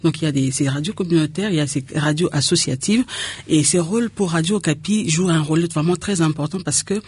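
A woman's voice: low voice, quick pace, darkish tone, husky. A woman, explaining and repeating words in a conversational radio interview. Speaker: radio community liaison officer.

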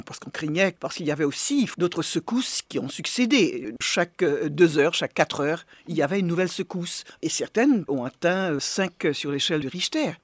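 A middle-aged woman speaks in an interview, her voice husky and a little breathy. She recounts her experience in a measured, grave manner. The recording is dry and close, with no room sound. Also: low voice, no room sound. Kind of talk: interview testimony.

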